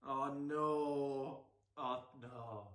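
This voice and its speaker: A man hosting a reaction channel, mocking a clip with sarcastic asides and sudden shouts. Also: mid-range voice, steady tone, drawn-out words. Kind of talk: reaction commentary. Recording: roomy echo.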